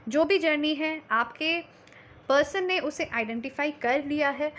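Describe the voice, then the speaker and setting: A woman's voice: sits high, unhurried, a bit bright. A woman tarot reader speaking to her viewers in a reassuring way, mixing in English and often checking in with a tag question. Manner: reassuring, mixes Hindi and English, frequent "theek hai?". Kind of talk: tarot reading to camera.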